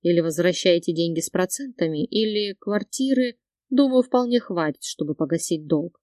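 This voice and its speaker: A woman voicing a calm, calculating wealthy middle-aged man who speaks in measured tones. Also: on the low side, no echo, studio quality, lightly acted. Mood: cold.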